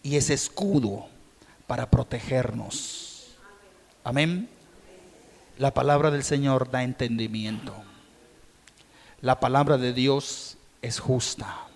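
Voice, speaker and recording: A Colombian man preaching a sermon as pastor, questioning his congregation directly and swinging between calm teaching and loud shouted peaks. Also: mid-range voice, takes it slowly, gravelly, pauses often. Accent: Colombian Spanish. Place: church sanctuary. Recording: long reverb of a church hall.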